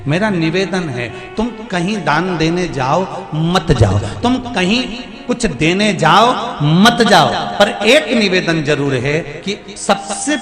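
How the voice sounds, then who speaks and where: A man preaching a devotional sermon in a reverberant hall, his voice pitched a little high. He pleads and repeats himself for emphasis. Music plays clearly behind him. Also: expressive, slow. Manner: pleading, emphatic, rhetorical repetition. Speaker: katha preacher. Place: large hall, live event.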